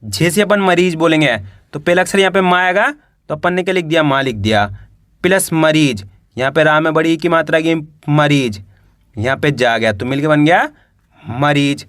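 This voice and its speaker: Male reading teacher, patient phonics drill, slightly higher voice, dry close sound. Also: a bit bright, no room sound. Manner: slow syllable-by-syllable spelling, repeated prompts. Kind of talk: step-by-step phonics lesson.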